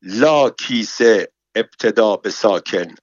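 A man reading a story, voicing a bossy, mocking noblewoman who speaks in slow, halting broken Arabic. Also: on the low side, animated, no echo, lo-fi sound.

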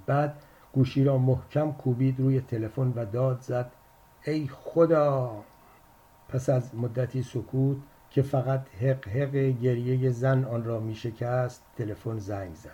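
A male narrator reads a short story in a measured, steady voice. His tone is mellow and warm in color, at a middle pitch. The pacing stays even through the narration. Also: highs cut off.

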